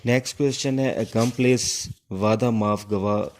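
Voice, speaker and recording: In a low, slightly mellow voice with fairly even intonation, a Pakistani lecturer teaches law at a moderate pace with exams in mind. He dictates and explains, going over key points repeatedly while moving between Urdu and English.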